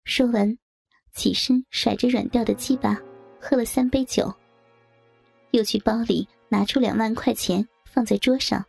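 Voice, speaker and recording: A woman narrating a first-person story in a steady, matter-of-fact reading. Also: on the high side, a little slow, gravelly, no echo, soft background music.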